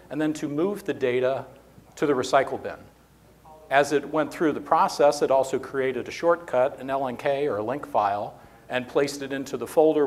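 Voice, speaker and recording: A man in his fifties with a medium-pitched voice gives a technical talk at a conference. Standing beside the lectern's podium mic in a conference room, he speaks conversationally with many fillers.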